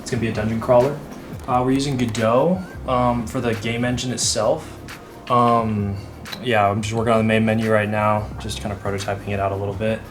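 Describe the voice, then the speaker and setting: A man's voice: lowish voice, level tone, brisk. Young man, cs student, laid-back, filler words, echoey room. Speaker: computer science student. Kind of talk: casual interview. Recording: roomy, music over.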